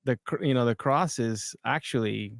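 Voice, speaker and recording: A man's voice: medium pitch, moderate pace, gravelly, dry recording, clean studio sound. A man hosting a podcast, talking casually and a bit hesitantly as he comments on video clips. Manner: conversational, hesitant, with restarts. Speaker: podcast host.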